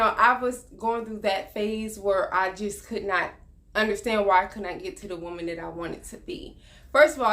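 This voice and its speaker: A woman's voice: medium pitch, fairly bright tone. A woman in her thirties talking earnestly about her life in a personal vlog, reflective and loose, with many fillers. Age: 30s. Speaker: vlogger.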